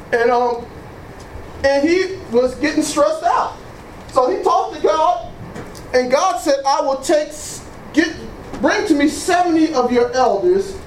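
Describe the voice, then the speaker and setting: A pastor in a church hall preaches a sermon in a booming voice, exclaiming praise to God and leading the congregation in call-and-response repetition. His mic is switched off, so he's picked up from a distance in an echoey room with faint noise.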